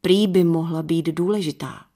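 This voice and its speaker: A woman's voice: on the low side, mellow. Woman reading as an offhand husband. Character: husband, calm and reassuring family man. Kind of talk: audiobook character reading.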